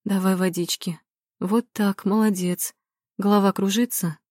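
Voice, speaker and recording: A woman voicing a blunt, caring young woman who is sharp-tongued with strangers and tender with her own. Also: mid-range voice, fairly even intonation, measured pace, no room sound, studio quality, natural voice. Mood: coaxing.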